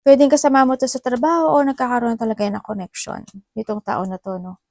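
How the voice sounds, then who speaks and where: A woman from the Philippines giving a casual tarot reading, chatty and laughing often, her voice a little hoarse. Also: a little high, expressive, fast, a little mellow, no room sound. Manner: chatty, mixes Tagalog and English, laughs often. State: slightly hoarse voice. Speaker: tarot reader.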